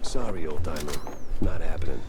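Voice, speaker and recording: An actor playing a weary, hard-boiled male mouse private eye in a video game, terse and gruff. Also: rumbling low, brisk. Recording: game audio with clear ambient noise.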